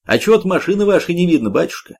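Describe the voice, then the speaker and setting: A man's voice: sits high, big pitch swings, fast, darkish tone, husky, voice pushed up, exaggerated voice. A man voicing a brash, slangy young working man in an audiobook.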